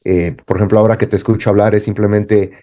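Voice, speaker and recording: A thoughtful man with a lowish, mellow voice. He talks as a teacher in an interview discussion, pausing and restarting as he works through his ideas. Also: flat delivery. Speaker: teacher and guest.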